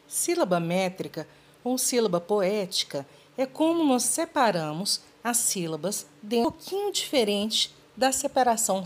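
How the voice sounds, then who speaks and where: Slow, lively-voiced woman teacher. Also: medium pitch. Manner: patient, explanatory, addresses students directly. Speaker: literature teacher. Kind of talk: recorded lesson.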